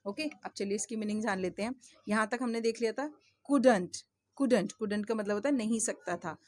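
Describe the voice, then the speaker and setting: A woman teaching English to children, slowly spelling out words letter by letter, often checking in with the learners. She speaks English with an Indian accent. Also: medium pitch, a little mellow, dry recording. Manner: slow, patient, spells words letter by letter and asks questions; often checks in with "theek hai?". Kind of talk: spoken English lesson for children in Hindi.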